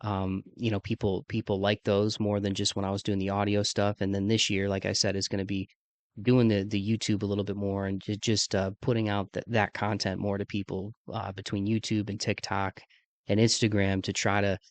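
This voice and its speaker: This man hosts a podcast in a casual, slangy manner, often dropping "man." He's in his mid-thirties, and sinus congestion pushes his voice deeper than usual; it sits on the low side with little pitch movement and a slightly fast pace, with no echo.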